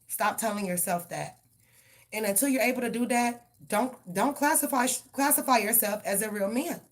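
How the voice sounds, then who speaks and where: A woman giving a live tarot reading and ranting bluntly, with heavy profanity. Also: mid-range voice. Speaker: tarot reader.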